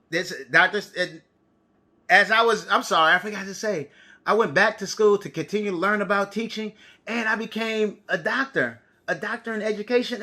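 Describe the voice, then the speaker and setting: An American man who teaches preschool and kindergarten speaks in a high, bright, forceful voice, as if reading to a toddler. In this children's TV lesson on storytelling and counting, he asks simple questions and repeats phrases.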